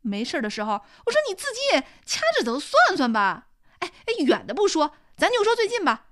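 A woman's voice: high-pitched, huge pitch swings, a bit bright, no room sound, clean studio sound, pitched above the performer's own voice, heavily acted. A woman reading an audiobook, voicing a bitter young woman who argues defensively with her mother. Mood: indignant. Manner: indignant, complaining, quick.

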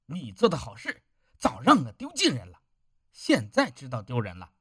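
A man voicing a drunk, furious village husband, shouting and bitter. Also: medium pitch, huge pitch swings, normal speed, slightly rough, no echo, clean studio sound, heavily acted.

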